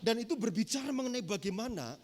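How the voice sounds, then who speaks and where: High-voiced male pastor preaching. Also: lively intonation. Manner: measured teaching delivery with pauses and fillers. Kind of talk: sermon. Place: church sanctuary.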